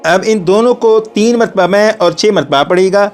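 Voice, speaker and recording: A man with a high voice teaches a recitation class at a calm, patient pace. He explains each rule, then sounds out the examples slowly and repeats each one three times for students to follow. Soft music plays faintly behind him. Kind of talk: step-by-step recitation lesson.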